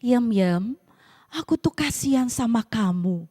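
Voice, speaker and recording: Lady pastor putting on a bragging coconut tree, bossy and smug, voice jumping high and low, church hall echo. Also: animated, unhurried, warm tone. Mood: boastful. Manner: bragging, scolding, self-important. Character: proud, boastful towering coconut tree.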